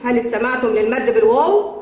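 A woman with an Egyptian accent teaching young children to read, stretching long vowels slowly as she sounds out words. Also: on the high side, lively intonation. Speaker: kindergarten Arabic teacher. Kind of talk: children's reading lesson. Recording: echoey room with long reverb.

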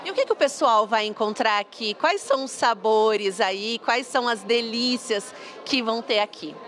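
Young reporter lady, upbeat and chatty, kinda high voice, live from a fair. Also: normal speed, a bit bright, some chatter behind. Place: busy indoor food fair. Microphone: handheld reporter mic.

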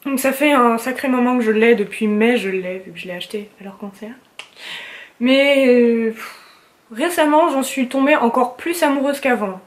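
A woman's voice: fairly high pitch, normal speed. A young woman vlogging in casual chat, gushing and chatty with slang and fillers, at home indoors. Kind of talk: casual chat about favorites.

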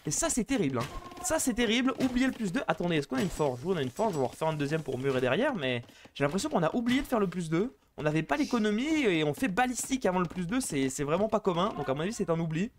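A man casting a live strategy game match, chatty and excitable, bantering with viewers between plays. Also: high-pitched, fast, slight background noise. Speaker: esports caster.

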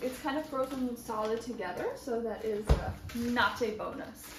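A woman's voice: a little high, moderate pace. A young woman talking casually through a cooking vlog, narrating each step with frequent ums. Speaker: cooking vlogger. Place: home kitchen. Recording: echoey kitchen with sizzling noise.

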